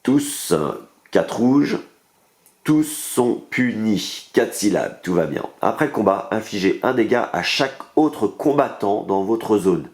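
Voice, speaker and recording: Man, deep low voice, French accent, enthusiastic board game reviewer, lots of fillers. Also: expressive, slow pace, a little mellow. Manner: enthusiastic, explains rules step by step with many fillers. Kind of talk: casual unboxing and card review.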